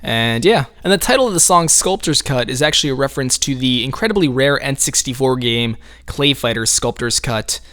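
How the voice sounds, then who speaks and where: A man's voice: medium pitch, animated, fairly quick, few pauses, a bit bright. A man talking through his own album in casual solo commentary, laid-back and rambling, with frequent light laughs.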